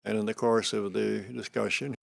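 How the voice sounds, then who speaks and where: Older male meditation teacher, low gravelly voice, slow serene delivery, deliberate pauses, spiritual discourse. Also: dry recording. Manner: slow, calm, deliberate delivery with pauses between short phrases.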